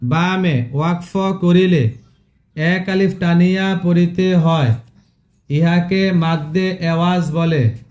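A man leads a live online Quran lesson in a fairly high voice. He speaks slowly and repeats each rule, and he stops often to quiz his students. It sounds like a patient classroom drill. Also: darkish tone. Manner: slow, repetitive drilling with questions to students. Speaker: Quran recitation teacher.

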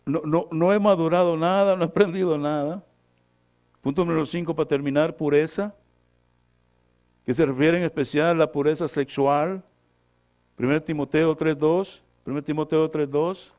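A man, the pastor, preaching a sermon, who keeps checking in with short questions and swings between loud, emphatic lines and quiet asides. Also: on the high side, fairly even intonation, moderate pace. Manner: repeats scripture references for the congregation.

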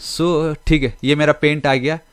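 A man's voice: a little high, steady tone, a little slow, smooth, dry recording, clean studio sound. A man hosting a casual coding tutorial, chatting through his screen as he works and often mixing English into his Hindi. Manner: chatty Hindi-English code-switching, keeps saying okay and guys.

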